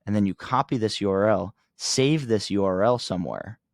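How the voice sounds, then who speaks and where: In studio-quality audio without echo, a lowish-voiced man speaks at a moderate pace. Hosting a casual, unscripted marketing tutorial aimed at contractors, he offers emphatic advice in a plain, conversational manner.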